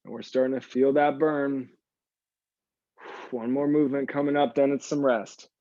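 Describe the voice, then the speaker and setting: A man's voice: mid-range voice, fairly even intonation, moderate pace, mellow, dry recording, highs cut off. A man coaching a live workout class, cueing moves and encouraging the group while breathing with exertion. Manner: encouraging, repeats short praise to the group. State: exertion, audible sighing breaths. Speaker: fitness instructor.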